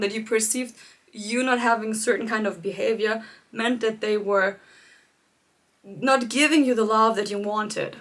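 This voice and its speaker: During her live-streamed coaching session, a woman running a live challenge as a life coach addresses her audience directly and welcomes viewers by name. Her slightly high voice stays soft and thoughtful, broken by quiet laughter between ideas.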